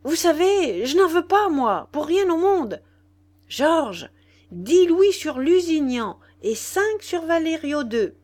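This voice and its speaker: A woman reading aloud and voicing a bold, flamboyant young woman at the races, in a loud, exclaiming voice. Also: sits high, very animated, takes it slowly, pitched above the performer's own voice, exaggerated voice. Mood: defiant.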